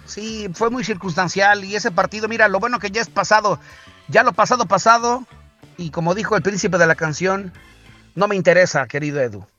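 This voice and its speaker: Man, Mexican accent, sports host, high-pitched, bright, playful banter, muffled audio. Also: fairly quick, soft background music. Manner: jokey, playful wordplay.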